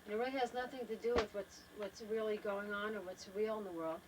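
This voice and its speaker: A woman's voice: mid-range voice, steady tone, fast talker, far from the mic, noisy background. An older woman in a travel trailer, talking thoughtfully and unhurriedly to a home video camera, often trailing off and restarting her sentences. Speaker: wife in a family home video. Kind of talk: casual reflective talk to camera.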